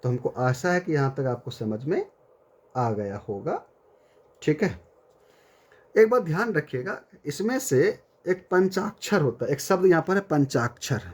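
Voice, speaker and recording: A male teacher with a slightly husky, higher voice gives a grammar lecture. His pitch rises and falls with lively emphasis. He repeats each key term slowly and speaks to his students with warm address.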